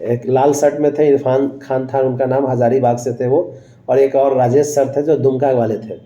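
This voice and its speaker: A man's voice: medium pitch, steady tone, moderate pace, dark tone, roomy sound, dull audio. A man teaching English to a class, mixing Hindi with English phrases, repeating lines and telling stories from his own life. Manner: tells anecdotes, addresses students directly. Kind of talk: classroom lecture.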